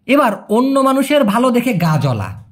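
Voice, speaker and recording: Brief: husky-voiced male teacher, chatty, animated up-and-down delivery. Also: extremely high pitch, normal speed. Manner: chatty, explains with repeated questions and jokes. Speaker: language teacher. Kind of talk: casual language lesson.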